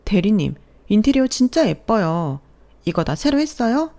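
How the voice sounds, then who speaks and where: A gushing young female office coworker from a storybook tale, excitable and full of rapid questions, as a woman narrator puts her on. The voice is raised and lively, with a soft, mellow tone. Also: medium pitch, pitched above the performer's own voice. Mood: impressed.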